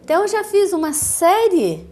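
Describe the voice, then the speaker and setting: A woman with a Brazilian accent, a speech therapist giving a calm, didactic explanation in a TV interview, with measured pauses. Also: extremely high pitch. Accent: Brazilian Portuguese.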